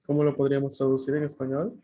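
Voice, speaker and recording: A man's voice: medium pitch, completely flat delivery, quick pace, dark tone. Patient male teacher on a video call. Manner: patient, explanatory, frequent fillers. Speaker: language teacher. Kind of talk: online class explanation.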